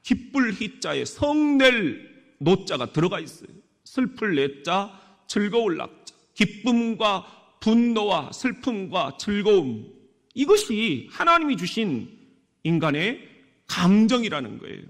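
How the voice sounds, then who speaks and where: A man preaching a sermon as pastor of a church, speaking in an animated way and often asking his congregation questions. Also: high-pitched. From Korea. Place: church sanctuary. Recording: echoey church hall.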